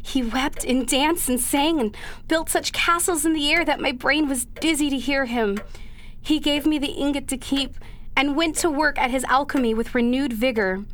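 Her high, fairly bright voice carries a wistful mood as a woman portrays an anguished, dutiful young daughter in a period radio drama. She delivers formal, old-fashioned lines earnestly and with hesitation.

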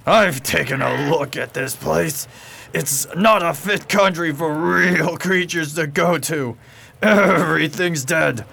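A man's voice: on the high side, slow, gravelly, pushed and bright, full character voice. A man playing a grumbling, blunt old cab horse with a gloomy, dramatic manner in a radio play. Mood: gloomy, wary.

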